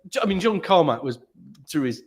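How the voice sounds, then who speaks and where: A man's voice: a little high, very animated, a little fast. A British man in casual podcast chat, a rambling storyteller who laughs often. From Britain. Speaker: podcast co-host.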